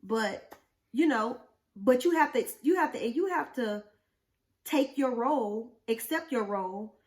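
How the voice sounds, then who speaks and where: A woman's voice: on the high side, lively intonation, unhurried, a little mellow. A woman co-hosting a casual relationship talk show, speaking bluntly and animatedly with many rhetorical questions. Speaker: podcast co-host. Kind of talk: casual chat.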